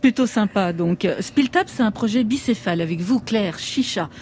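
A woman's voice: medium pitch, animated, moderate pace, darkish tone, slight background noise. A woman hosting a conversational radio interview from a studio. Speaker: radio host.

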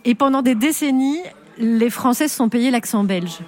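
A woman's voice: on the high side, normal speed, darkish tone. A woman radio host from Belgium with a La Louvière accent, interviewing her guest in a teasing, playful way.

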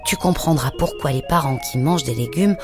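Woman doing a gentle mother, low voice, tender, hushed, storybook, music under. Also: fairly quick. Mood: excited. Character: gentle, mysterious young mother.

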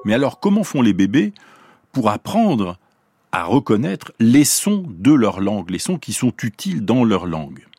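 A man from Paris giving a scripted radio explanation as a science columnist, in a clear teaching tone that slows down to pronounce examples. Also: lowish voice, sing-song, warm tone, dry recording. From Paris, France.

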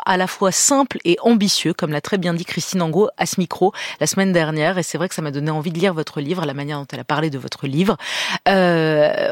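A woman's voice: deep voice, no echo. A woman hosting a radio interview in a studio, articulate and emphatic as she reads passages aloud. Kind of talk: radio interview, reading quotes. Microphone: studio microphone.

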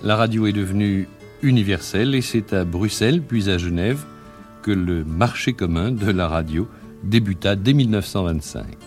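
A man's voice: on the low side, moderate pace, darkish tone, faint music behind. A man giving poised, scripted narration for a documentary.

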